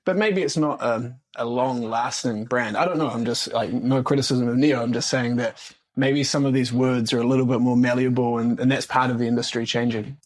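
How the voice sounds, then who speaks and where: A man's voice: mid-range voice, steady tone, fairly quick. A man speaking as a journalist guest in a casual roundtable discussion, reflective and thinking aloud with many fillers.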